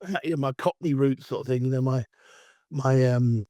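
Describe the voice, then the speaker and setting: A middle-aged man from Essex with an Essex accent and a croaky, hoarse voice from allergies, talking as a guest in a rambling, chatty way. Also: mid-range voice, moderate pace, no room sound. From Essex, England. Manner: rambling, chatty, self-styled loudmouth. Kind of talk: casual interview chat.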